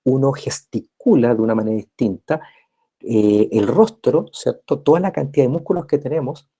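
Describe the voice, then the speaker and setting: A man lectures at a university in a recording, moving step by step, rephrasing and repeating as he constantly checks in with listeners via tag questions. He talks at a moderate pace, his medium-pitched voice dark in tone with a breathy edge.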